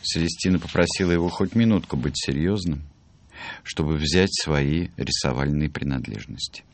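A man reading a children's book aloud in an animated way, acting out the voices. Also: rumbling low, moderate pace. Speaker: storyteller.

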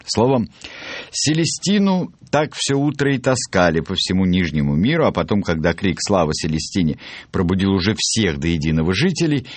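A man reading a children's book aloud in an animated way, acting out the voices. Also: low-pitched, no room sound. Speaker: storyteller.

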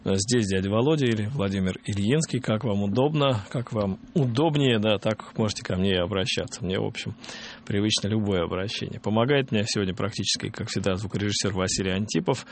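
A man presenting a late-night music radio show in a courtly, formal way, with hesitant pauses. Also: fairly low pitch. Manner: courtly, old-fashioned formal address. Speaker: radio host. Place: radio studio. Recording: faint background noise.

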